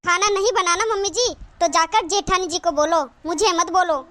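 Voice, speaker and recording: A woman's voice: very high-pitched, steady tone, normal speed, sharp tone, pitched below the performer's own voice. A woman voicing an overworked young daughter-in-law in a cartoon who argues back and refuses chores. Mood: defiant. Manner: argumentative, complaining back.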